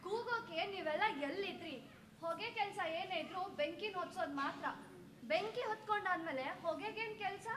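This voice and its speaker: A woman's voice: very high voice, fairly quick, a crowd in the background. A woman acting the spirit of a dead young wife in a stage drama, speaking in a bitter, cutting, reproachful way. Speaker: stage actor. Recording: echoey stage sound.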